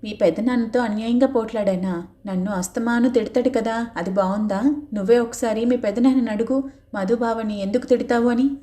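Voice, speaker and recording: A teasing seventeen-year-old village boy , as a woman narrator reads him, mocking one moment and coaxing the next. The voice stays mellow and close to the reader's own, as in a storybook reading. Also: on the high side, steady tone, a little fast, close to an everyday voice.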